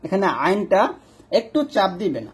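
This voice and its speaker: A man teaching Quran recitation step by step, spelling out each letter and vowel, then reciting the words slowly and drawn-out. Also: sits high, very animated, husky. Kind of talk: slow step-by-step recitation lesson.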